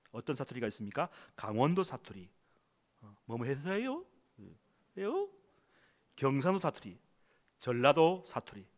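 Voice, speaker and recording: A male pastor preaching in a church sanctuary, his pitch swinging widely as he stresses each point at a mid-range pitch. He speaks emphatically, asks rhetorical questions, and calls the congregation to read along with him. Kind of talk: sermon.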